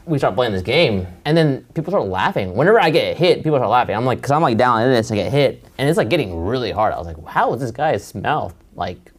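A young man co-hosts a casual talk show, reacting emphatically and telling stories with excitable energy. His voice moves animatedly between high and low. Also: fast. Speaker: co-host. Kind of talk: casual chat, storytelling.

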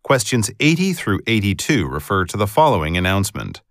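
A male test narrator reads scripted questions formally, with careful enunciation. His fairly low voice has strongly varied intonation, and the recording is dry and close. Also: big pitch swings, fairly quick, fairly bright tone, dry recording.

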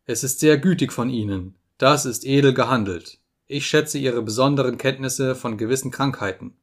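A man reading an audiobook, voicing a gravely ill detective who speaks weakly but gives urgent orders. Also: medium pitch, moderate pace, close to an everyday voice. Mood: faint. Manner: urgent, insistent, giving orders. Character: sick feverish detective, weak but commanding.

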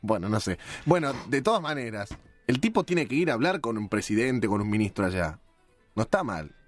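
A man's voice: mid-range voice, very animated, brisk, soft background music. A man with a Rioplatense accent hosting a comedy radio show, bantering and questioning the character incredulously. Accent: Rioplatense Spanish. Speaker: radio host.

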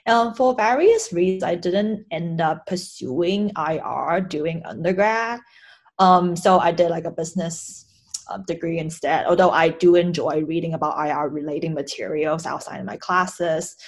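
Young woman from china, interview guest, kinda husky, talks earnestly with lots of ums. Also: on the low side, normal speed. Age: young adult. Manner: earnest and hesitant, with many "um"s and restarts. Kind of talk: casual interview.

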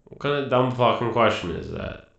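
A man's voice: medium pitch, expressive, normal speed, fairly bright tone. A man playing a surly Boston-accented robot. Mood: grumpy. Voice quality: gravelly, swearing, drops his R's. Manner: irritable and blunt. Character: crude surly male humanoid robot from Boston, beer-drinking and touchy. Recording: echoey muffled room recording.

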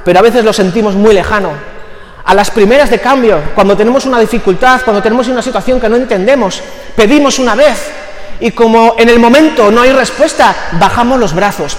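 A man preaching a sermon with fervent, emphatic delivery. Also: high voice. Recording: echoey hall reverb.

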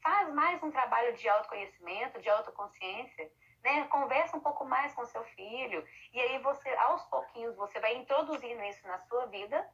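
A woman's voice: on the high side, animated, normal speed, a bit bright. A woman chatting casually about parenting, explaining with everyday examples. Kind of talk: casual chat on parenting and emotions. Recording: dull lo-fi sound.

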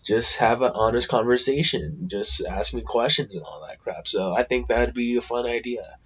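A California man with a stuffy, congested nose hosts his podcast solo, rambling in a casual, blunt way full of swearing. His mid-range voice moves at a moderate pace and sounds a bit bright with a breathy edge, though the audio itself is dull.

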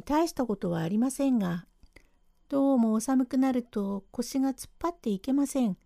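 A woman's voice: a little high, creaky, warm tone, no echo, studio quality. A woman voicing a humble, hard-of-hearing old man in a rakugo storytelling reading. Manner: polite, rambling, mishears everything. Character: elderly male plasterer's father, hard of hearing, humble.

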